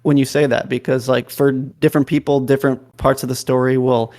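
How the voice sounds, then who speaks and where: A man's voice: medium pitch, flat delivery, a little fast, a little mellow. A man on a fan podcast panel, speaking reflectively and saying "like" a lot. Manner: reflective, heavy use of "like". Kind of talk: casual chat.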